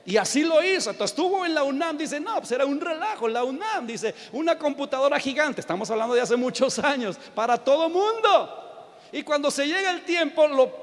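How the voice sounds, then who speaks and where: A man preaching a sermon as a story, swinging between loud emphatic outbursts and hushed, intimate retelling. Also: very high voice, lively intonation, brisk, hardly any pauses. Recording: long hall reverb.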